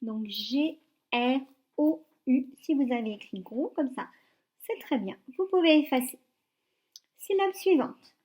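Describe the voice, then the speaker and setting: A woman with a French accent teaching young children to read, dictating syllables slowly and patiently with careful articulation. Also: sits high, lively intonation, darkish tone. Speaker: first-grade reading teacher.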